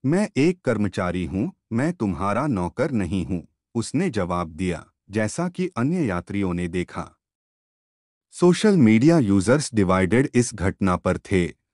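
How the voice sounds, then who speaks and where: A man reading a news story as a scripted voice-over in a measured way. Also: on the low side, very animated, a little mellow, no room sound, clean studio sound. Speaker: news narrator.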